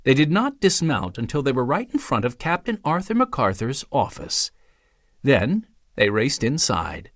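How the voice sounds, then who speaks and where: A man narrating a biography audiobook in a measured storytelling manner with dramatic pauses. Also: mid-range voice, wildly swooping pitch, no echo, clean studio sound. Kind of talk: scripted narration.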